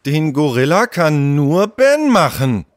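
A man voicing a quiet, strict young boy in a children's story. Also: medium pitch, big pitch swings, dry recording, studio quality, pitched above the performer's own voice. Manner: slow, firm.

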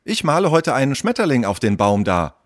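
Impatient young girl in a children's story, a man doing the voice, pitched up and a little quieter. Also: big pitch swings, no echo, clean studio sound, lightly acted. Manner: impatient, quick.

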